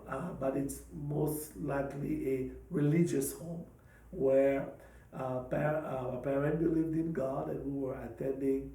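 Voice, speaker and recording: Slow, gravelly-voiced man in his fifties. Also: medium pitch, mellow, reverberant, recorded from a distance, low-quality recording. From Democratic Republic of the Congo. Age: 50s. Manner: slow, hesitant, many pauses with fillers. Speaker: pastor and podcast host. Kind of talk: personal testimony talk.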